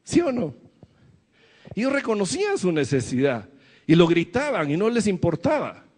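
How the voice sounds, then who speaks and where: A man's voice: high voice, wildly swooping pitch, normal speed, darkish tone, big-room sound. A man preaching a sermon to his church, asking the congregation questions as he goes. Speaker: pastor.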